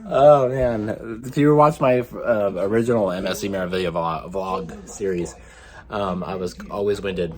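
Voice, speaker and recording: A man talks casually to his camera, a little short of breath and full of ums. His voice sits on the low side, and the talk wanders as he goes. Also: normal speed, a little mellow. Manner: rambling, with many ums and laughs. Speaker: travel vlogger. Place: cruise ship cabin with a TV on.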